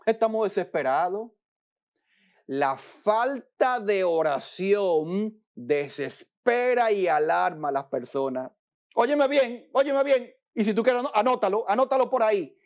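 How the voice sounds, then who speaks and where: A male preacher with a Dominican Spanish accent delivers a sermon in a high voice. He talks slowly and deliberately. He swings between acted-out frantic complaints and a soft, calming hush. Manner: dramatic, acts out worried people, drops to soft hush.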